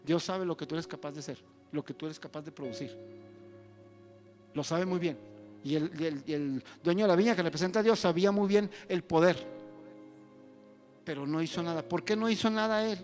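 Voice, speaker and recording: Animated male pastor. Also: a little high, a little fast, pauses often, soft background music. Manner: animated preaching, acts out the quoted speakers. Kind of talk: sermon.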